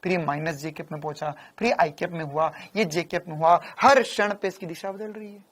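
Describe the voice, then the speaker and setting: A male physics teacher with a Hindi accent talks through an online exam-prep lecture. His voice is hoarse and worn from shouting. He stays animated and teasing, scolding students in a playful way. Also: on the high side, fairly quick.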